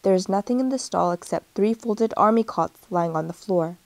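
A woman reads a picture book aloud in a gentle storytelling way, lightly giving each character a voice of their own. Her pitch sits in the middle, and the recording is close and dry. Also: moderate pace, no echo. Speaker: storybook reader.

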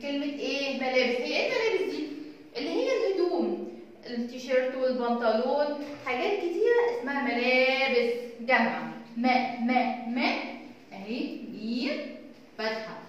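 Egyptian woman teaching small kids, high sing-song voice, very echoey room, far from mic. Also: lo-fi sound, a little hiss or hum. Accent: Egyptian Arabic. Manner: animated, drawn-out sounds, questions and praise. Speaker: kindergarten teacher. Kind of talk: sing-song phonics lesson for young children.

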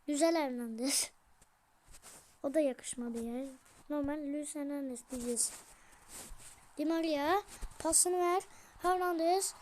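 A woman with a high, bright voice casually commenting on her football video game match. She talks to viewers, cheers goals and yells at her players. Faint noise hums behind her. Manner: excitable, yells at the plays and jokes with viewers. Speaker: gaming channel host.

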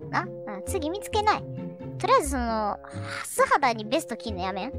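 A woman's voice: high-pitched, big pitch swings, brisk. A woman with a Kansai accent commentating a game, chatty and teasing, talking to the characters on screen. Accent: Kansai Japanese. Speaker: game streamer. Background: loud game music.

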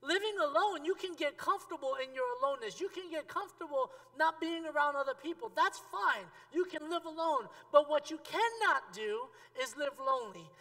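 A man in his thirties preaching a sermon on a church stage, talking straight to the congregation and swinging from emphatic peaks to quiet asides. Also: very high voice, animated, fairly quick, few pauses. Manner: conversational, addresses the congregation directly. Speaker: pastor. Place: church stage with a seated audience. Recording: long reverb of a church hall.

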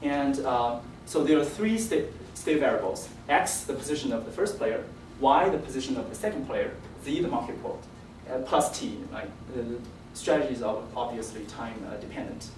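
A young man giving an academic presentation as a PhD candidate, with a halting, hesitant delivery and repeated words. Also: mid-range voice, animated, a little mellow. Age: young adult. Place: indoor seminar room. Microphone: distant camera microphone. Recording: echoey room, distant mic, faint noise.

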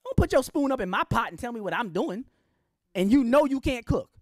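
A woman's voice: on the high side, lively intonation, fairly quick, no echo, clean studio sound. A middle-aged woman giving an impassioned public lecture, blunt and colloquial, firing off rhetorical questions in a preachy, fiery way.

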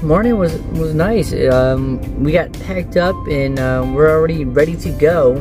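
A man's voice: a little high, normal speed, over music. A man in his forties chatting casually into a handheld phone camera for his travel vlog, rambling with lots of uhs. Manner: easygoing, rambling with many uhs. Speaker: vlogger. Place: outdoors at rest stop and inside truck camper shell. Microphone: handheld phone camera at arm's length.

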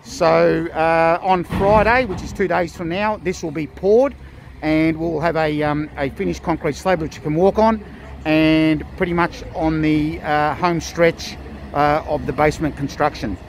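A middle-aged Australian man giving a casual, halting walkthrough of an outdoor building site, filled with ums and uhs. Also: on the high side, fairly even intonation, vocal fry, a little hiss or hum. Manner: plain-spoken, many ums and uhs, halting restarts. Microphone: handheld phone camera.

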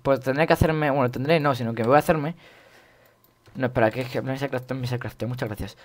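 This young Spanish gaming YouTuber speaks with a Spain Spanish accent at a medium pitch. Jokey and excitable, he narrates his play while firing off repeated words in rapid bursts.

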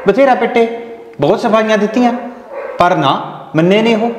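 An actor playing a middle-aged village farmer who pleads earnestly. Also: male voice, high-pitched, a little fast, a little hiss or hum, close to an everyday voice. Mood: pleading. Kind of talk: village family drama acting. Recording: echoey room with long reverb.

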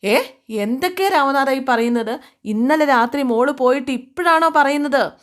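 A woman's voice: on the high side, animated, moderate pace, lightly acted. Woman putting on an eager old schoolmaster. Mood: alarmed. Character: older village schoolmaster, a worried father.

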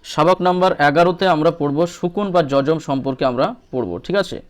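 A man's voice: fairly high pitch, fast, smooth. A man teaching a lesson on reading the Quran, patiently asking questions and then answering them himself. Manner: checks in often with short questions to the viewer. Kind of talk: step-by-step lesson walkthrough.

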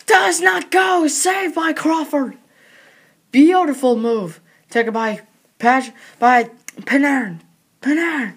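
A commentator calling frantic mock hockey play-by-play in short clipped bursts, excitable and quick to raise the voice. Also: high voice.

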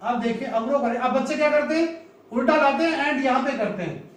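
A man from North India teaching a music lesson, explaining slowly and singing scale notes in between. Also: very high-pitched. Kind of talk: classroom lesson with sung notes. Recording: echoey room, mic far off.

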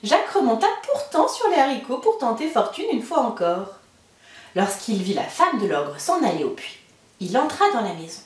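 Woman teacher, storybook read-aloud for kids, expressive and lively, roomy sound from afar. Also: on the high side, normal speed. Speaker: teacher reading to children. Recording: roomy, mic far off.

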